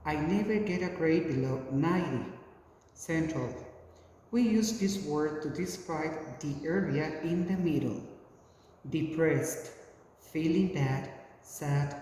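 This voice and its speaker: A man teaching English, reading out word lists one word at a time in a slow, deliberate drill. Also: on the high side, warm tone, slight background noise. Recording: echoey room from far off.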